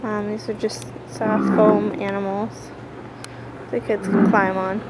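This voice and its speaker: A young woman's medium-pitched voice moves at a measured pace through this casual tour of an indoor museum. Working as a video tour host, she calmly points out exhibits as she walks. The sound, captured on a handheld camera mic, is noisy.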